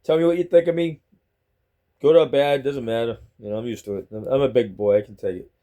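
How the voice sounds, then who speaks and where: A middle-aged man from the Boston area, a vlogger, talks fairly quickly in a warm, medium-pitched voice with a steady tone. He's at home speaking casually to a phone on a selfie stick, rambling, chatty, and repeating himself.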